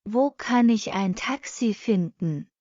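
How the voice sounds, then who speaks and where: A woman reading short practice sentences for a language lesson, saying each one twice, slowly and evenly. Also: mid-range voice, lively intonation, darkish tone, no room sound. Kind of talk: slow repeated phrase reading for learners. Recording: dull lo-fi dry recording.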